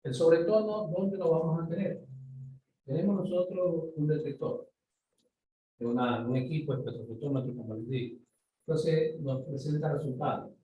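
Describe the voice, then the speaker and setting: Guy teaching a class online, keeps asking if it's clear, echoey room, mic kinda far. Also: fairly high pitch, moderate pace, phone-quality sound. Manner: explanatory, checks in with students. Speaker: university lecturer. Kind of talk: online physics lecture. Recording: roomy, distant mic, faint ambient noise.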